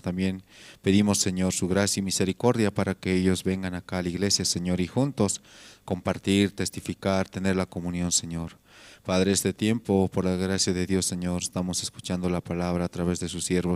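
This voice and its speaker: Bolivian male pastor, very low steady voice, dry close sound, prayer cadence. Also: moderate pace, clear, resonant tone, dry recording. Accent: Bolivian Spanish. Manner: repetitive prayer cadence, frequent "Señor" interjections. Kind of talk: church prayer service.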